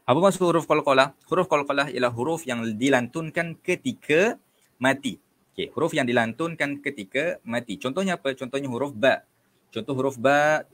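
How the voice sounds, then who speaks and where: A male Quran teacher with a Malaysian Malay accent talks through a relaxed online lesson, patient and repetitive, dropping okey between short phrases. His voice sits at an ordinary middle pitch. The recording is dry and close, with almost no room sound. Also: dry recording. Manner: patient, repeats letters and corrections, often says okey and tuan-puan; chants verses slowly when demonstrating.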